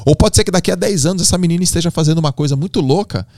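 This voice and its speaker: A man's voice: on the high side, rapid-fire, mellow, dry recording, studio quality. A man from Brazil with a Brazilian accent, a podcast guest telling emotional stories in a slangy, acting-out way. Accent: Brazilian Portuguese. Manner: emotional, acts out voices, slangy. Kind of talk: animated storytelling in conversation.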